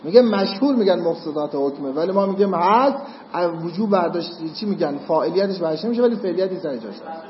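High-voiced man lecturing in an echoey hall. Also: lively intonation, slight background noise. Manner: explanatory, checks understanding with "got it?". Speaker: seminary teacher. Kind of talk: lecturing on Islamic jurisprudence. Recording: echoey hall, muffled lo-fi sound.

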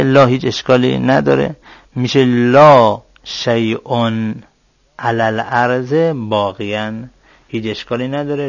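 A man teaching Arabic grammar, working through exercises and slowly spelling out each example word. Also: medium pitch, vocal fry, dry recording. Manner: slow, deliberate, spells out example words. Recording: dull, dry lo-fi sound.

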